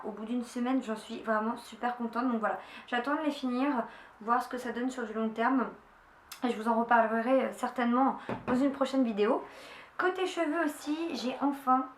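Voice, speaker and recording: Talking through her beauty haul at home, a young woman speaks on the high side over a little hiss or hum. The casual chat is eager and peppered with fillers and restarts, recorded in an echoey room with faint ambience.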